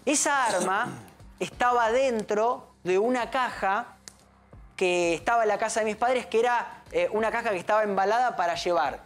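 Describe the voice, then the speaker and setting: A woman's voice: fairly high pitch, normal speed, faint music behind. A woman with an Argentine accent, a crime reporter on a news panel, explaining the case point by point with emphasis. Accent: Argentine Spanish. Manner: explanatory, emphatic, often says "exactamente". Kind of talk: live news panel commentary.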